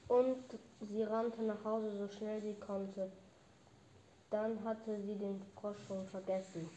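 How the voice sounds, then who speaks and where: A woman narrating a fairy tale in a calm storytelling manner. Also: medium pitch, slow. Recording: echoey room, faint background noise.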